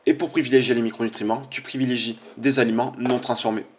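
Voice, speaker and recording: A man's voice: mid-range voice, fairly even intonation, fast, slight background noise. A man, a fitness coach giving casual, chatty commentary on social media posts, informal and full of fillers.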